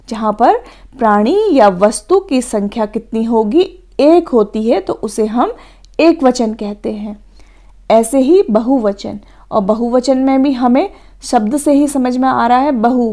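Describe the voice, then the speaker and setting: A woman teacher slowly and patiently explaining grammar from a worksheet, step by step. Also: on the high side, dark tone.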